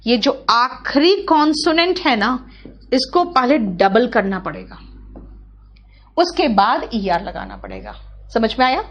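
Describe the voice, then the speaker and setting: Brisk Hindi-speaking woman teaching grammar. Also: a little high, big pitch swings, dull audio. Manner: brisk, scolding, addresses students as beta. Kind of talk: live online class.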